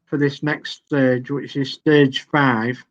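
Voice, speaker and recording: An older man, Yorkshire accent, takes a video call slowly through the steps of building a model, patiently reading out each instruction. He speaks at a medium pitch in a level tone, and the audio sounds dull.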